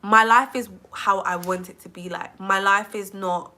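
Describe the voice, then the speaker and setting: A young British woman talks straight to camera in a loose, chatty vlog, peppering every thought with "like". Her voice is bright and forward, and her pitch sits right in the middle. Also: measured pace. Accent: British English. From England. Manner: chatty, animated, many filler likes. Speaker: vlogger. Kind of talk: casual chat to camera.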